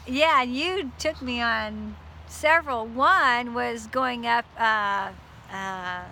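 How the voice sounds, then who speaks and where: A woman co-hosting a casual chat with her husband outdoors, warm and supportive, laughing often. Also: on the high side, slow pace, slight background noise. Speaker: co-host, marriage coach. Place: outdoors, rain starting.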